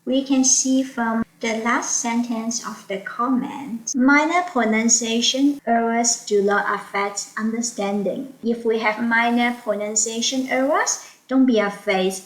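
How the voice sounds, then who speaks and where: A woman tutor running an online workshop, explaining test strategies slowly and checking in with her learners. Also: fairly high pitch, echoey room, low-quality recording.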